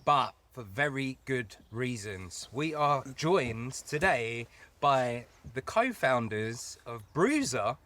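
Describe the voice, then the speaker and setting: A man's voice: mid-range voice, big pitch swings, slow pace, bright, forceful tone. A man hosting a podcast interview outdoors in the countryside, chatty and upbeat, laughing often. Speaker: podcast host. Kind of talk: casual chat.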